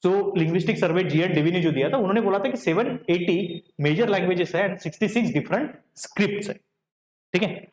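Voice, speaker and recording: A man's voice: high-pitched, fairly quick, reverberant. A man from Vidarbha, giving a classroom lecture in Hindi mixed with English and checking with the class all the time whether they are following. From Vidarbha, Maharashtra. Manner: checks in with the class often, asking "correct?" and "clear?". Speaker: teacher.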